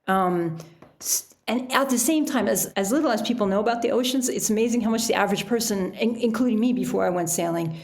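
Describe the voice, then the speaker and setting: A middle-aged American woman, an author and sailor, chats as a podcast guest, explaining things with frequent "you know" asides. She talks quickly in a mid-range, a little mellow voice with vocal fry.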